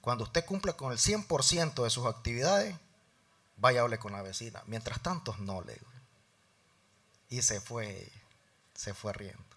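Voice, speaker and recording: A middle-aged man preaching a sermon in church, telling a personal story and acting out both sides of the dialogue, swinging between loud emphasis and soft, low asides. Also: normal speed, long pauses. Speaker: lay preacher.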